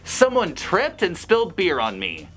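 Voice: mid-range voice, huge pitch swings, measured pace, a bit bright. A fursuiter giving casual vlog advice from inside a costume head. The voice is muffled and chatty, with dry, sarcastic asides. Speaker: fursuiter vlogger.

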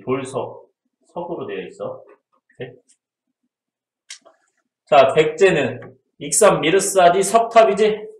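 A man teaching history in a casual exam-prep lecture, who asks his students questions and answers them himself. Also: medium pitch. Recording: roomy echo.

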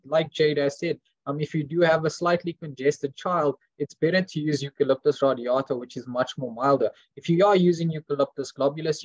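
A man hosts a casual online call, pausing often with ums as he moves things along. The sound is dry and close, with dull, lo-fi call audio. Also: mid-range voice, darkish tone, dry recording. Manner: hesitant, many ums. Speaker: call host.

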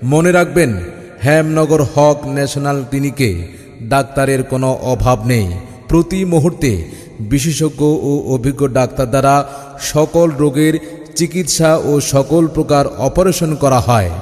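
A man chanting a clinic advertisement in a repetitive sing-song delivery, broadcast over an outdoor loudspeaker. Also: a little high, moderate pace. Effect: outdoor loudspeaker announcement. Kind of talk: chanted promotional announcement. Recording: long reverb with music behind.

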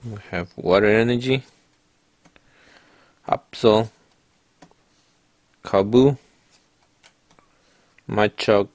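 A man with a lowish voice hosts his own card-opening channel, casually narrating as he opens packs and reads each card aloud to viewers in a relaxed way. There is no room sound.

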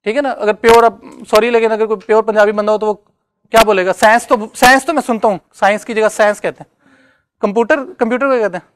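A man's voice: high-pitched, steady tone, fast, smooth. A man giving a classroom lecture, talking conversationally and often checking whether students follow.

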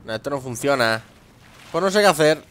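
A man's voice: medium pitch, expressive, a little fast, fairly bright tone. A young man, commenting on his gameplay, muttering to himself and swearing. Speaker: gameplay host. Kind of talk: let's play commentary.

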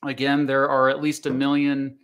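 A man with a bright, forward voice hosts an online panel stream. He speaks in a relaxed, friendly way and steers the conversation toward its close. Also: medium pitch, normal speed, clear, resonant tone. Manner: relaxed, friendly, wraps up and directs the talk. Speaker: livestream host. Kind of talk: casual panel discussion.

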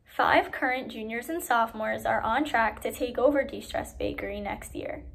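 A teenage girl, a student reporter, reading scripted news narration in a steady way. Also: fairly high pitch, moderate pace, creaky. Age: teens.

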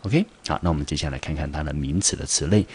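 Low husky-voiced man teaching vocabulary. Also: quick pace, darkish tone. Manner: patient, explanatory, sprinkles fillers like 哎 and 好. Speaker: English teacher. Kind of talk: classroom vocabulary lesson. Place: school video recording.

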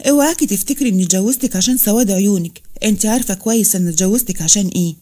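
A woman's voice: mid-range voice, racing, dark tone, close to an everyday voice. A woman voicing a cold, scheming rich young man, speaking with an Egyptian Arabic accent in a cool, dismissive tone.

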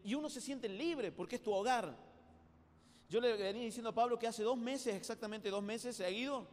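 A man with an Argentine accent preaching a live sermon to a youth congress, telling stories in a chatty, colloquial way and addressing the audience directly. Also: extremely high pitch. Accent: Argentine Spanish. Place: large hall at a youth congress. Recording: reverberant live hall recording.

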